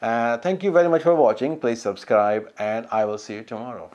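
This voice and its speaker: A man's voice: medium pitch, a little fast, darkish tone, lo-fi sound. Hesitant man vlogging about travel. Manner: hesitant, with many fillers and restarts. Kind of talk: casual talk to camera.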